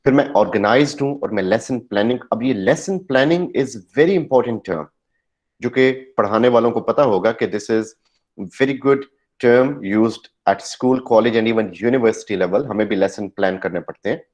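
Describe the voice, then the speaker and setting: A man giving a recorded lesson on teacher interviews, explaining slowly and modelling sample answers with careful stress. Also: mid-range voice, darkish tone. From Pakistan. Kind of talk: recorded lesson, mixing Hindi-Urdu and English.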